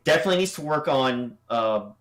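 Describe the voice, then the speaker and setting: A man's voice: medium pitch, expressive, fairly quick, a bit bright. Laid-back young man chatting on stream. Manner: laid-back, laughs often, trails off and restarts. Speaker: co-host judging animation entries. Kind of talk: casual livestream chat.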